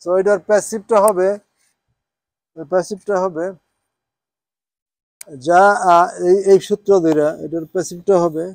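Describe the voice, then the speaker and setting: High-voiced man teaching a class. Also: fairly even intonation, measured pace, long pauses, a little mellow, no room sound. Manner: checks with students, asks "হ্যাঁ?" often; switches between Bengali and English, spells Arabic out. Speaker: Quran teacher. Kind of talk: informal class lesson.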